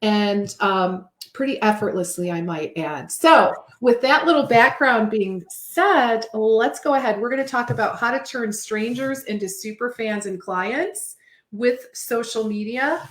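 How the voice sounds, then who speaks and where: A woman with a fairly high voice hosting an interview, enthusiastic and welcoming. Her voice carries a noticeable room echo. She talks in an easy, casual way. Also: a little slow, fairly bright tone. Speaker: interview host. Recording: echoey room sound.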